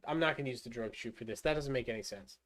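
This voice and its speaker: A man in a mid-range, slightly bright voice races through casual live commentary on a rocket game, muttering to himself about each move with fillers and restarts. There's slight background noise.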